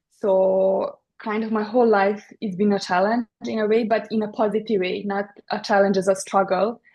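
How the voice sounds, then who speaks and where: A woman from Serbia speaks English with a Serbian accent, her pitch held level and even. She talks in a hesitant way, pausing on fillers and restarting her sentences. She sounds like a guest in her thirties on a podcast. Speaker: guest, interior designer. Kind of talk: podcast interview.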